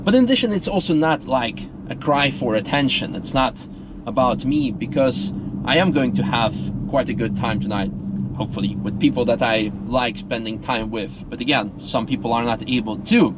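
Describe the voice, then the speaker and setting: A man's voice: medium pitch, normal speed, noisy background. A man from Russia speaking earnestly in a casual, rambling monologue full of fillers and restarts. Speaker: vlogger.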